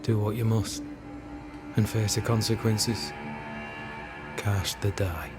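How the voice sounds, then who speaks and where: A man's voice: on the low side, fairly even intonation, slow, loud music behind the voice. A man playing a self-righteous military captain in a video game, stern, formal and defiant. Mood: stern, bitter. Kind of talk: dramatic video game acting.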